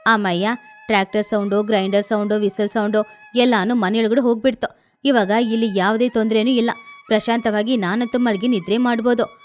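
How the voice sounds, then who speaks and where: A woman voicing a boastful but good-hearted young boy bird in a cartoon, talking in a slow, swaggering, playful way. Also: fairly high pitch, steady tone, faint music behind, close to an everyday voice. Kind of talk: cartoon voice acting.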